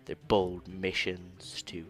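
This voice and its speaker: A man's voice: deep voice, completely flat delivery, takes it slowly, a bit bright. A young man casually narrating his own 3D modeling build, laid-back and self-deprecating, chuckling now and then and sounding tired of rerecording. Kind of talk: casual screen-recorded commentary.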